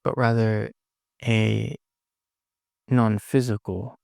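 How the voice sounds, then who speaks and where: In a low, heavily gravelly voice, a man leads a meditation, speaking very slowly and soothingly in short phrases separated by long pauses. His delivery is flat and a little mellow, and the studio recording is clean with no room sound.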